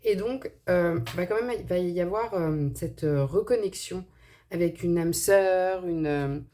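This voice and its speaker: A woman's voice: on the low side, measured pace, warm tone. A woman with a slight lisp on her s sounds, giving an informal card reading and thinking aloud in a hesitant way. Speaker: tarot and angel card reader.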